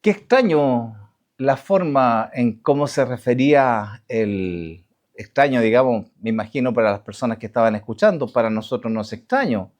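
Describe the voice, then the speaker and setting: A man preaching a sermon to his congregation, halting with restarts and asking rhetorical questions. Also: mid-range voice, lively intonation, darkish tone. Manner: halting, many restarts and fillers. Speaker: pastor.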